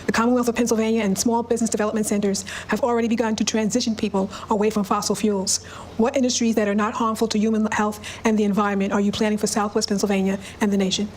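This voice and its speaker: A woman's voice: mid-range voice, flat delivery, rapid-fire, darkish tone, a little hiss or hum. Chipmunk-voiced woman reading a question. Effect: sped-up playback, chipmunk-like voice. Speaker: audience questioner.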